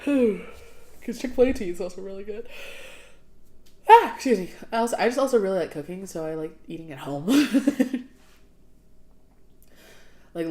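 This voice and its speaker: A woman's voice: low voice, dark tone. Chatty Southern-living woman, sniffly livestream. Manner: chatty, laughs often, answers viewer questions. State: sniffling from draining sinuses. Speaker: livestream host. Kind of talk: casual livestream chat.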